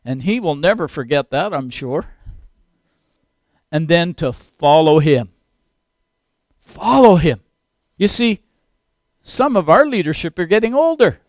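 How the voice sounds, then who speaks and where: A man's voice: a little high, animated, measured pace, pauses often, no room sound, studio quality. A man in his sixties preaching a sermon, earnest and rising to emphatic peaks. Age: 60s.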